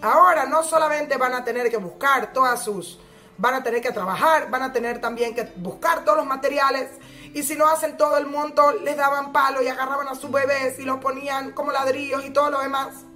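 Una mujer que da una clase religiosa semanal para mujeres, con tono serio y explicativo, y que enfatiza las citas que relata. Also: female voice, high voice, fairly even intonation, fairly quick, pushed and bright, faint music behind. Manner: earnest, explanatory, leans into quoted lines. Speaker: Torah teacher for women. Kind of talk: weekly religious lesson.

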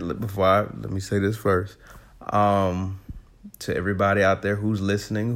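Congested, gravelly-voiced man hosting a podcast. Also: medium pitch. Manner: animated, laughs often, swears, repeats words. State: congested, rough voice. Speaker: podcast host. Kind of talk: casual solo podcast monologue.

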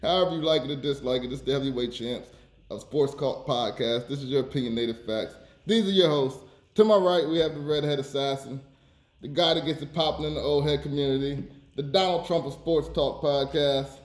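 Loud ribbing podcast hype man, roomy echo. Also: medium pitch, a little fast. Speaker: podcast host. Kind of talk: hype podcast introduction and casual banter. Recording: roomy, echoey sound.

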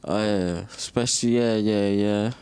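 A man's voice: lowish voice, steady tone, measured pace, a little mellow, clean tone. A young man with a London roadman accent chatting casually with a friend, heavy on slang and repeating phrases for emphasis. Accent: London, urban roadman slang. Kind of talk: casual banter between friends.

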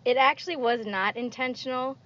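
A woman's voice: sits high, brisk, fairly bright tone. Dry, matter-of-fact woman guest. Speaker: speech pathologist guest. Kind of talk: casual chat. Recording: dull lo-fi sound with faint noise.

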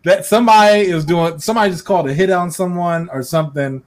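A man co-hosting a casual chat, animated and laughing often, slipping into joking voices. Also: sits high, quick pace.

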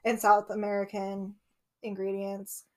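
A young woman co-hosts a podcast, chatting freely in a casual conversation and filling it with frequent "like"s. Her medium-pitched voice is completely flat and a little slow.

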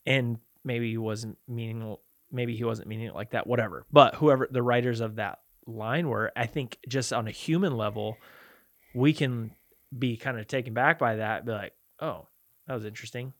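A man's voice: mid-range voice, steady tone, moderate pace, no room sound, clean studio sound. A man in his thirties, a podcast co-host, talking about love in a rambling, reflective way with frequent restarts. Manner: rambling, self-correcting, reflective. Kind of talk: casual faith discussion.

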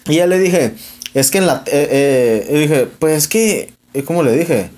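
A young Mexican podcast host with a Mexican accent retells an argument in casual chat, a little slowly and on the high side. It's a profane, slangy, animated account full of swearing and quoted dialogue.

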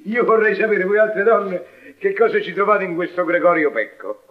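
Male actor, pompous indignant middle-aged husband, very high voice, theatrical bluster, dull lo-fi recording. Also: normal speed, natural voice. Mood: scornful. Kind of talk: theatrical marital comedy-drama acting. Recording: dull, distant lo-fi old recording.

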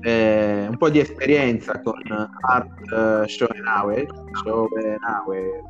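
Male squad announcer, casual and halting on foreign names, unhurried, dull lo-fi sound with music behind. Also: medium pitch. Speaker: team staff member announcing a squad. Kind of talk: casual reading of a player list with banter. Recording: dull, lo-fi audio.

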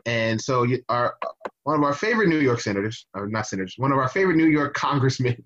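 A man talks casually on a podcast, rambling and swearing through a political rant, full of "uh"s and restarts. His pitch sits mid-range and the sound is a little muffled. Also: lively intonation, fast, fairly bright tone, slight background noise. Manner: rambling, profane, with frequent fillers and restarts. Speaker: podcast co-host.

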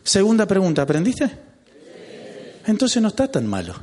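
A man with a Rioplatense accent preaching a lively sermon as pastor, joking and calling out to his congregation. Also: sits high, normal speed. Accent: Rioplatense Spanish. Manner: animated, calls out to the congregation, jokes. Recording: long hall reverb.

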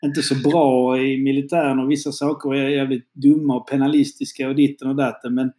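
A man's voice: medium pitch, level tone, dark tone. A man with a Scanian Swedish accent hosting a casual podcast chat, leading segments with a joking announcer tone. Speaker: podcast host. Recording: roomy echo.

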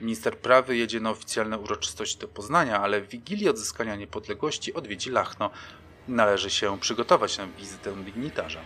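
A man's voice: lowish voice, brisk, bright, forceful tone. A man doing a fussy, stiff police sergeant. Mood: officious. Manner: stiff, pushy about duty and the schedule. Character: fussy small-town male police sergeant. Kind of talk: audiobook character voice.

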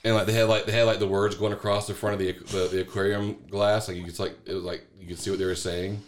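A man's voice: lowish voice, level tone, quick pace. A man co-hosting a casual family podcast with his child, playful and full of prompting questions. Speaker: podcast co-host and parent.

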